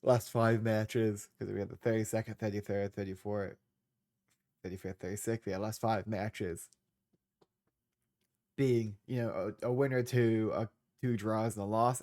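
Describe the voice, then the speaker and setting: This is casual gameplay commentary from a young man whose congested, lowish voice has a slightly mellow quality. While streaming a football management game, he talks it through easily, full of laid-back comments that drift off.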